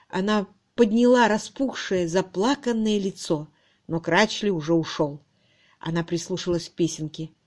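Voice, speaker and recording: A woman's voice: medium pitch, darkish tone. Woman narrating an audiobook. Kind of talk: scripted narration.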